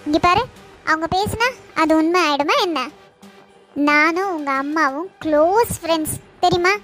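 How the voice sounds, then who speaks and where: A woman voicing a gentle, caring cartoon aunt. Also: very high voice, moderate pace. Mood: soothing. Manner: soothing, affectionate, pleading. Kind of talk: cartoon voice acting. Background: faint background music.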